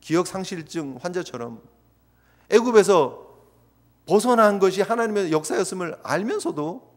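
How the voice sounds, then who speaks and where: A man's voice: sits high, animated, normal speed. A male pastor preaching a fervent sermon, urging his congregation and acting out prayers along the way. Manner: fervent, exhorting, voices prayers as asides. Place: church sanctuary. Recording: long reverb of a church hall.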